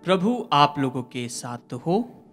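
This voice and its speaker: Young priest proclaiming at Mass. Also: male voice, a little high, takes it slowly, soft background music. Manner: formal, steady proclaiming. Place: indoor studio chapel. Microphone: stand mic at a lectern.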